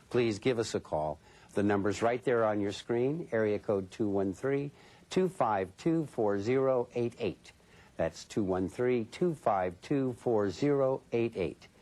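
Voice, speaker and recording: A man's voice: mid-range voice, a little mellow. A man presenting a television program as host, reading from a script.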